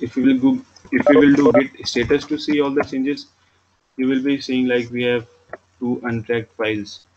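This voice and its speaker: A man with an Indian accent giving a step-by-step software tutorial as an instructor, explaining simply and repeating key points. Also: medium pitch. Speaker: programming instructor. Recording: dull lo-fi mic with background noise.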